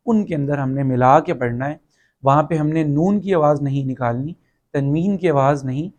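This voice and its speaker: A man's voice: a little high, a little mellow. Patient man teaching Quran recitation rules. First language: Urdu. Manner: patient, slow drawn-out recitation of example words. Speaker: tajweed teacher. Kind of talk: recorded online lesson.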